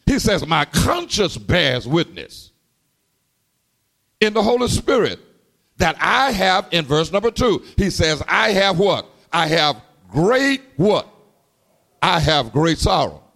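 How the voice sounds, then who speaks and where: A man preaching a sermon in a rhythmic, call-and-response style, dropping to low murmurs and rising to sung shouts. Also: very animated, slow pace, vocal fry. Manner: repeats and calls to the congregation.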